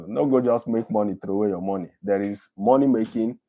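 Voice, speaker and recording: A Nigerian man hosts a live-stream Q&A, reading viewers' questions aloud and answering each one in turn. His low voice is mellow and dark, and he speaks in an easy, conversational manner. The audio is brisk and dull.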